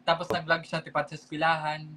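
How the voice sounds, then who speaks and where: High-voiced Waray man vlogger. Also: completely flat delivery, quick pace, pushed and bright. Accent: Northern Samar Waray. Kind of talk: casual live-stream chat.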